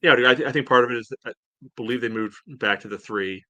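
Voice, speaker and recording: A soccer-loving man co-hosts a podcast, chatting casually about the sport in a mid-range voice that's quick and sharp-toned, recorded dry. He hedges his points and pads them with filler, leaning on "you know" again and again.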